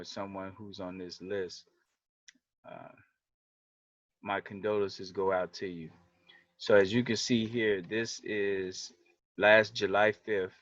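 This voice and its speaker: A man's voice: low-pitched, fairly bright tone, no room sound, lo-fi sound. A man, leading a community group and earnestly walking viewers through web pages on a livestream. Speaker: community organization leader. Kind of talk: livestream presentation.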